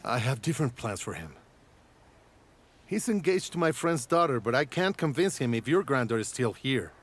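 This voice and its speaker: A man's voice: medium pitch, very animated, moderate pace, slight background noise, close to an everyday voice. A man plays a scheming boss and father. His voice sits mid-range but moves a lot. He is firm and calculating. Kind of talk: dubbed film acting.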